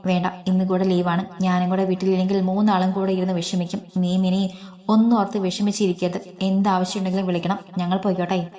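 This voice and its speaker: A woman voicing a gentle, protective young man who talks softly and reassuringly in a spoken story. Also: lowish voice, flat delivery, fast, close to an everyday voice. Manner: soft, reassuring. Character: gentle protective young man, caring older brother type.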